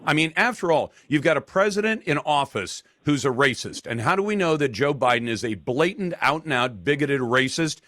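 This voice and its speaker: A man's voice: a little high, lively intonation, normal speed, hardly any pauses, fairly bright tone, no echo. A man hosting a talk radio show, emphatic and argumentative, speaking into a studio microphone. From Taiwan.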